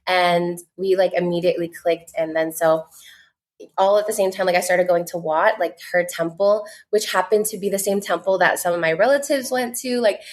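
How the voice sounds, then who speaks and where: Speaking at normal speed in a steady, lowish voice, a woman in her 20s from the United States chats on a podcast. The content creator is earnest and leans heavily on "like" throughout the casual interview.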